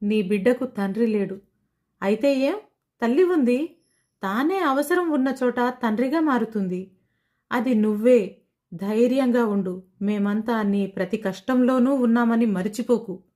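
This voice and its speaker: A woman's voice: fairly high pitch, unhurried, natural voice. A woman storyteller voicing a bold young woman who scolds her friend and then urges her to be brave. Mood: encouraging. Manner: scolding, forceful, encouraging.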